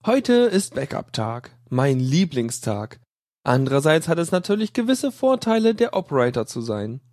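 A man's voice: a little high, sing-song, moderate pace, a little mellow, dry recording, clean studio sound. A man reading a first-person audiobook in a sardonic, dryly mocking tone. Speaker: audiobook reader.

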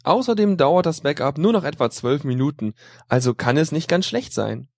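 A man's voice: fairly high pitch, animated, normal speed, creaky, a little mellow, no room sound, studio quality. A man reading a first-person audiobook in a sardonic, dryly mocking tone. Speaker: audiobook reader.

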